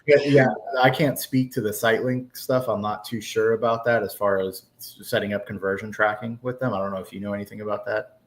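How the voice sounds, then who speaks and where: A man's voice: fairly low pitch, steady tone, fairly quick. A man giving a casual, conversational explanation in a business webinar. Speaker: marketing presenter.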